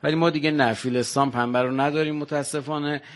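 A man's voice: on the high side, steady tone. An older man with a Varamini Persian accent, a village guest on a radio show, proudly listing facts about his home. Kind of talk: radio phone-in chat.

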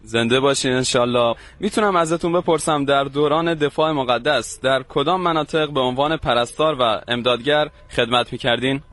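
A man's voice: mid-range voice, few pauses, a bit bright. A man working as a radio reporter, politely conducting a formal interview with courteous greetings.

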